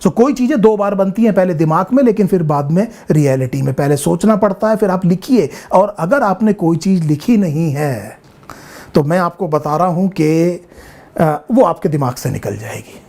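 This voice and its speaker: Mellow-voiced middle-aged teacher. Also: male voice, sits high, expressive. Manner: asks rhetorical questions, repeats phrases for emphasis; drawn-out, deliberate English phrases. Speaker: biology teacher. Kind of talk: Hindi-English exam-prep lecture.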